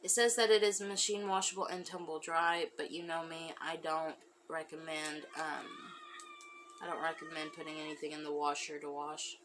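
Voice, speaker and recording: A woman with a low, level voice hosts a crafting podcast at normal speed, chatting casually with plenty of fillers. She sounds a bit congested, and the background is noisy.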